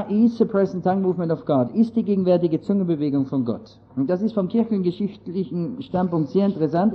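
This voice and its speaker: There's a faint hiss or hum behind this man's high voice as he talks earnestly and digressively to an audience about church history. He has an Austrian accent that leans somewhat German, captured in dull, lo-fi sound.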